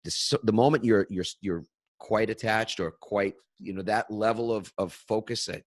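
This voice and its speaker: A man with a very low-pitched voice, hosting a conversational interview. He reflects as he talks, circling and restarting phrases while he works toward his point. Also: normal speed. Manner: reflective, thinks aloud with restarts. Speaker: podcast host.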